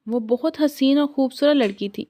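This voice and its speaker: A woman narrating a romance story in a steady, scripted storytelling read. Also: high voice.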